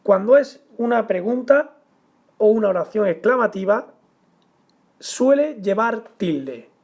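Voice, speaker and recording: Guy teaching a grammar lesson, measured, leans on the example words. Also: high voice, lively intonation, darkish tone.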